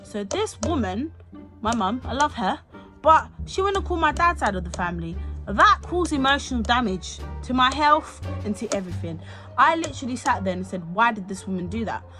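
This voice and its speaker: Animated young woman. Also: on the high side, moderate pace, music in the background. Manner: animated, swearing, acts out quotes. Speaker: vlogger. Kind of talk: casual storytelling to camera.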